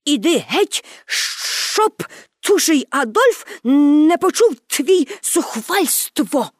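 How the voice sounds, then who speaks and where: A woman voicing a gruff, hissing male circus director who growls his words low. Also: big pitch swings, very slow, dry recording, studio quality, full character voice. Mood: angry.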